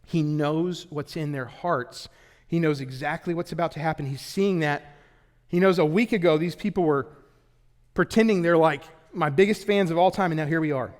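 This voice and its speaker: A man preaching a sermon in a conversational, joking way, with sudden loud bursts. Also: fairly high pitch, normal speed, big-room sound. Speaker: pastor. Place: church auditorium.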